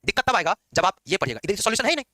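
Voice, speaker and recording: A man lectures his chemistry class quickly, teasing and scolding students along the way. His voice is high and very bright, swooping up and down. The sound is dry and close. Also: dry recording. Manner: lively, scolding and joking with students. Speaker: chemistry teacher.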